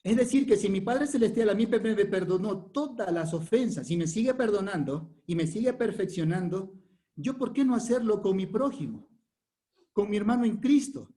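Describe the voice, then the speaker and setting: A man with an Ecuadorian Andean accent preaching a Bible study sermon, often checking with "¿sí?" and reading scripture slowly. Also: high voice, expressive, warm tone. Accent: Ecuadorian Andean Spanish. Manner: teaching tone, often asks "¿sí?" and reads scripture slowly.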